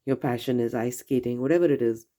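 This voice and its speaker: A woman giving a tarot reading straight to the viewer, gentle and reassuring, her voice nasal from a cold and congestion. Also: extremely low pitch, quick pace. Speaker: tarot reader. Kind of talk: casual tarot reading to camera.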